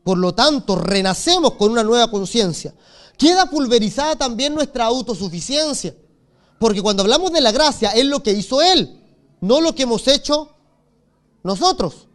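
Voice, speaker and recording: Male pastor, animated sermon storytelling, voice sits very high. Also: normal speed. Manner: animated storytelling, calls on the congregation.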